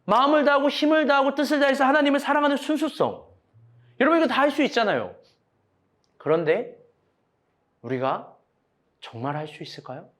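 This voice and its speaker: Young male preacher, high animated voice, casual and joking in his sermon. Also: brisk, long pauses. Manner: casual, joking, acts out quoted arguments, direct questions to congregation.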